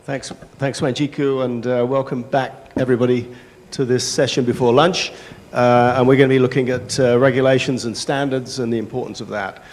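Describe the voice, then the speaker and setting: A man moderates a conference panel on a handheld mic. His mid-pitched voice stays relaxed and conversational with frequent pauses, and the large hall adds a long reverb. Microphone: handheld microphone.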